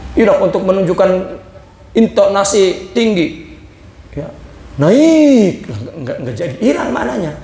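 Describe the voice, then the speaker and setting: A man's voice: high-pitched, big pitch swings, normal speed, gravelly, a little mellow, echoey room, a little hiss or hum. A man with an Indonesian accent teaching a religious lesson, reading a phrase of the text and then explaining it in plain words.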